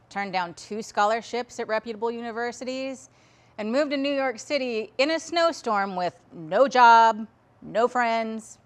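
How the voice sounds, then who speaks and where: A woman telling a personal story in a wry, reflective, conversational way. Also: fairly low pitch.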